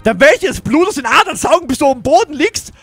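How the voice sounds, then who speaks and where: A woman plays a shy young vampire girl in a game roleplay, high-voiced and lively. She sounds soft and friendly, with a teasing edge. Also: fast talker, no room sound, faint music behind.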